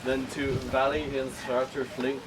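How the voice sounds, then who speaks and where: A man's voice: medium pitch, level tone, measured pace. A man reciting names at a ceremony, hesitating over the difficult ones. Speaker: participant presenting a ceremonial chain. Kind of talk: ceremonial roll call of names. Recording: very noisy, windy outdoor recording.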